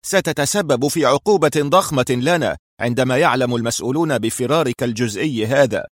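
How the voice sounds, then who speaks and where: A man voicing gruff, harsh male prison guards who bark and shout in a dramatic audiobook. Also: medium pitch, brisk, no echo, studio quality, natural voice. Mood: alarmed.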